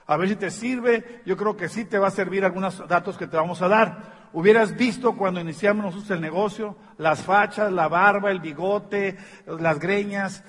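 Husky, high-voiced Mexican man on stage. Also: fairly bright tone. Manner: joking, halting, with many fillers. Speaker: business seminar presenter. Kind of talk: speaking on stage to an audience. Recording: long hall reverb.

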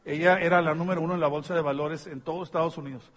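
Man, Mexican accent, seminar presenter, joking, halting with fillers, husky, long hall reverb. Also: on the high side, fairly even intonation. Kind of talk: speaking on stage to an audience.

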